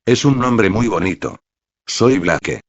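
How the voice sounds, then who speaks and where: A man reading as a calm, soothing young woman. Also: on the low side, takes it slowly, heavily acted. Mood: gentle. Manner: gentle, soothing. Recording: dull, dry lo-fi recording.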